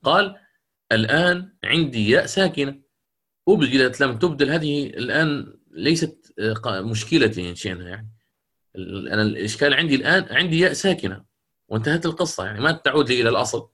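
A male teacher gives a lecture on Quran recitation rules in a mid-pitched voice. He explains step by step, repeats key phrases for emphasis and slows down to chant verse examples. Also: lively intonation, fairly bright tone, husky.

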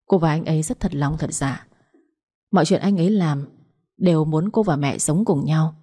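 A woman narrating a romance audiobook in a steady, expressive reading. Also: sits low, normal speed, breathy edge. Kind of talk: scripted story narration.

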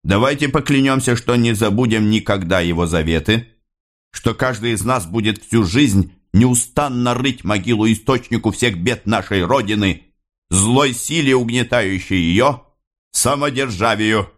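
A man's voice: lowish voice, measured pace, voice pushed up, close to an everyday voice. A man voicing a young male orator who is solemn and fiery, giving a rousing, declamatory speech.

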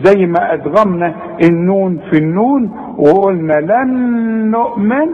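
A man with an Egyptian Arabic accent teaching tajweed, drawing out words slowly to demonstrate and chiding the student. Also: high-pitched, big-room sound, phone-quality sound. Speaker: Quran recitation teacher. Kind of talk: tajweed lesson.

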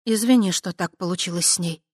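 A fiery young witch with a hot temper, her voice pitched high and sharp, as an audiobook reader puts her on. The delivery is emotional and pointed, recorded dry and close. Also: a little fast, no echo, close to an everyday voice. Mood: anxious. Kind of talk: audiobook character voice.

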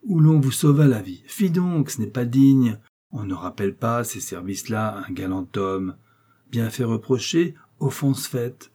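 A man's voice: mid-range voice, lively intonation, a little slow, warm tone, husky. A man reading the lines of a grave, proud noble musketeer who speaks in a stern, reproving way.

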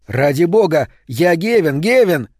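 A male narrator plays a scared young man who pleads loudly and urgently, his voice pushed higher. The recording is dry and close. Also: animated, moderate pace, dry recording, close to an everyday voice. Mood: desperate.

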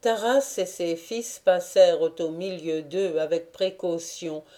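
A woman narrating a classic novel as an audiobook in a measured, deliberate reading. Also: on the low side, warm tone.

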